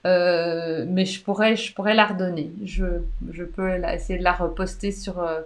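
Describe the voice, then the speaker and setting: A woman's voice: lowish voice, little pitch movement, normal speed. A woman with a Belgian French accent, a pharmacist hosting a live online question session, chatty with many hesitations. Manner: chatty, warm toward viewers, many "euh" hesitations and restarts. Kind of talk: live online Q&A, reading and answering viewer comments.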